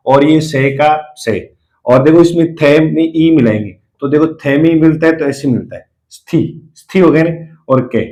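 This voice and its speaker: A man's voice: medium pitch, rough recording. A man teaching a spelling lesson at a board, who asks his class questions and answers them himself while he writes.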